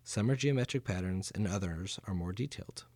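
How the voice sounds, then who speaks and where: A man with a fairly low voice guiding listeners through a scripted audio tour. He keeps it chatty and playful, slipping in jokes between explanations. The recording is close and dry, with no room sound. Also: a little fast, darkish tone, no room sound.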